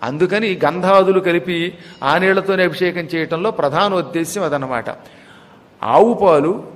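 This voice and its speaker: A man giving a devotional discourse, teacherly and addressing listeners directly, slowly chanting verses and then explaining them. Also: sits high. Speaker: religious discourse speaker. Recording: long hall reverb.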